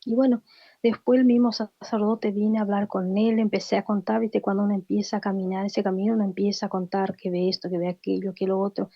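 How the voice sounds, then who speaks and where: A woman's voice: medium pitch, level tone, fast talker, no room sound, muffled recording. A woman giving a heartfelt personal faith testimony, acting out the voices of people she quotes. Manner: emotional storytelling, acts out quoted voices.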